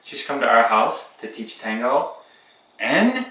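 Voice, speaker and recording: A man's voice: medium pitch, big pitch swings, slow, bright, forceful tone, slight background noise. A man hosting a cooking segment in his home kitchen, introducing his guest with playful, jokey banter. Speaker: host. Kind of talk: casual chat. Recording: roomy kitchen audio from a distant mic.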